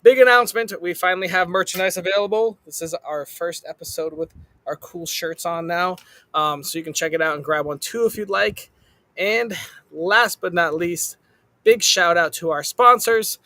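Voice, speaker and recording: Male podcast host, emphatic; high and bright voice. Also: moderate pace, dry recording. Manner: upbeat, emphatic announcer delivery. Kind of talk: podcast host reading sponsor shout-outs.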